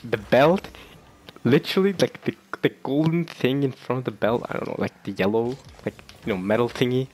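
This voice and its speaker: A man's voice: medium pitch, normal speed, darkish tone. Rambling young man vlogging. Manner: rambling, many fillers and restarts, laughs often. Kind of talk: casual chat.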